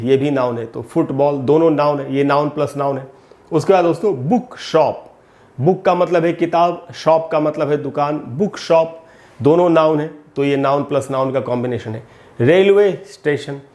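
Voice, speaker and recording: Higher-pitched man teaching English grammar. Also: a little mellow. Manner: explains slowly, repeats terms, addresses viewers as friends. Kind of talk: Hindi-medium English grammar lesson.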